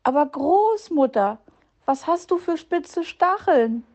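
A woman voicing a small, excitable bird chick who chants fairy-tale rhymes, in a storybook reading. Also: extremely high pitch, takes it slowly, voice pushed up, full character voice. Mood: excited. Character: little chirpy bird boy, fairy-tale mad.

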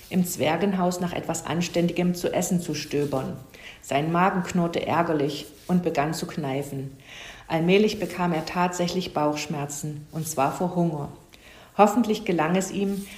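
A woman narrating a children's animal story, gently voicing each character. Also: lowish voice, fairly even intonation, moderate pace. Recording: roomy echo.

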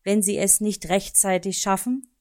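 A woman voicing a fussy, strict male raven who talks stiffly and formally and ends his sentences with a croak. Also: mid-range voice, normal speed, a little mellow, close to an everyday voice. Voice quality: croaks a "gra" at line ends.

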